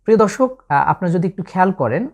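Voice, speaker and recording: Patient and unhurried, this Bangladeshi Bengali-accented teacher demonstrates Quranic Arabic letter sounds, drawing each one out. She speaks in a lowish, expressive voice with a darkish tone, over soft background music.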